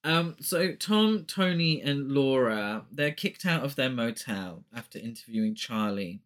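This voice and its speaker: A man's voice: medium pitch, lively intonation, a little slow, fairly bright tone. A man hosting a casual film recap, talking through the plot with cheeky, campy asides. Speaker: podcast host.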